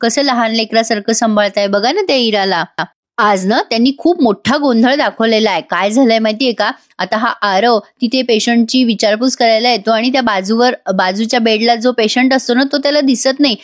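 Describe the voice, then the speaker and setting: A woman narrating a TV serial recap in a casual, chatty way, often addressing her viewers. Her voice sits fairly high. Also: brisk.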